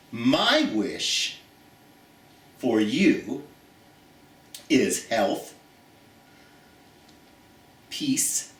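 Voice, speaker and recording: In a mid-range voice, a man hosts a children's storytime, theatrical, folksy and chatty, speaking directly to listeners like an expressive picture-book read-aloud. He's recorded distant from the mic, with a roomy echo.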